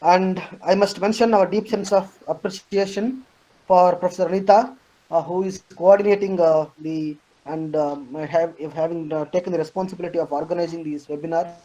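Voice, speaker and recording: A man, a professor giving a formal, halting vote of thanks over a video call. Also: high-pitched, fairly even intonation, dark tone, muffled recording. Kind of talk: formal webinar speech.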